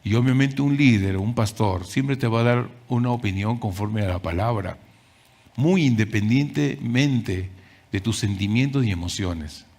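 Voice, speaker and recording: A man preaching a sermon as pastor, emphatic and deliberate, repeating key phrases and addressing the congregation directly. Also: lowish voice, a little mellow. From Peru. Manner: deliberate delivery with climbing emphasis in lists.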